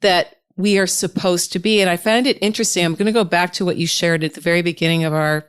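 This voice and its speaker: A woman's voice: on the low side, fairly even intonation, fast, clean tone. A woman hosting a podcast interview, chatty and reflective as she talks and often affirms her guest. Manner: chatty and reflective, with frequent affirming murmurs and laughs. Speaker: podcast host.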